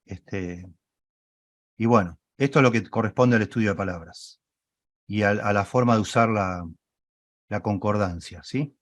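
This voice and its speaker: A man's voice: on the low side, a little slow, pauses often, no room sound. A man, teaching a Bible study class. He walks through a screen demonstration, often checks in with his listeners and corrects himself along the way.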